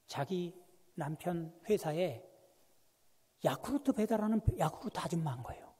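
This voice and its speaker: A man preaching a sermon as a guest pastor, telling a story with animated swings between hushed and loud delivery. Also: a little high, normal speed, breathy edge. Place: church sanctuary. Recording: long church reverb.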